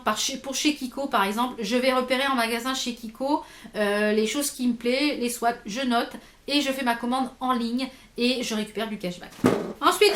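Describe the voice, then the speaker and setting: A woman's voice: high-pitched, fairly bright tone, reverberant, slight background noise. A woman chatting casually through a beauty haul, with many fillers and restarts. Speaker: beauty vlogger. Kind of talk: casual haul video chat.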